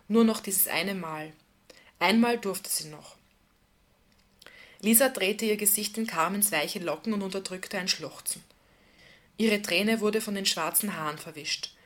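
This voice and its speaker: A woman reading a novel aloud in calm, intimate scripted narration. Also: medium pitch. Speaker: audiobook narrator.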